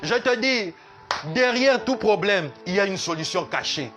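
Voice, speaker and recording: A man's voice: high-pitched, expressive, normal speed, over music. A man pastor, preaching a sermon at a church service in an emphatic, repetitive way that slips into sung lines.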